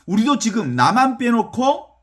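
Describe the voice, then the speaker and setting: A middle-aged man preaches in a folksy, animated manner, often turning to his listeners to ask whether they agree. His voice sits high and swings widely in pitch as he talks. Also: moderate pace. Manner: animated, folksy, asks listeners "right or not?". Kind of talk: sermon with text reading.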